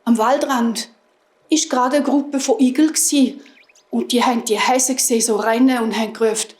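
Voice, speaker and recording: Storyteller, woman, Swiss German accent, high voice, gentle fairy-tale telling, roomy echo. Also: fairly even intonation, normal speed. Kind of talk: fairy tale told to children.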